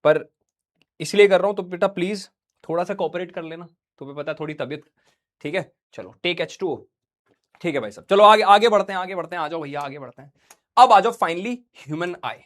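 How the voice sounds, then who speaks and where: Young man, science teacher, high voice, playful, jokey, acts out scenes, a bit under the weather. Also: a little fast, fairly bright tone. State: unwell. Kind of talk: online class lecture.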